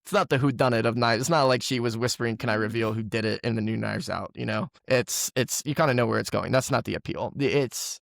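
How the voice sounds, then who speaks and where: A man with a gravelly, fry-tinged voice holds forth in a relaxed movie chat. He wanders through his thoughts and corrects himself as he goes. The sound is close and dry, with no room around it. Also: medium pitch, a little fast, few pauses, no echo. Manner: rambling, self-correcting, talks at length. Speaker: podcast co-host.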